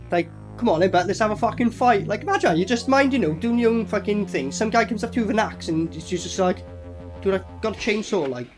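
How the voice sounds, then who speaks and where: Sweary, sarcastic man reviewing films. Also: high-pitched. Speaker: horror film reviewer reacting while watching. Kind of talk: casual mocking film commentary.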